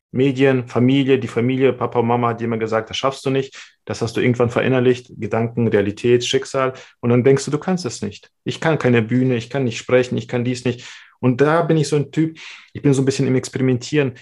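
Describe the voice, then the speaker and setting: A man talking as a podcast guest, animated and quick in bursts, in casual conversation. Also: medium pitch, husky.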